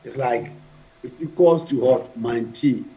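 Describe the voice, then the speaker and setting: Quizzing his class on French verbs, a man with a creaky, warm, mid-range voice works through conjugations slowly and repetitively. The recording is a dull, lo-fi one from the classroom.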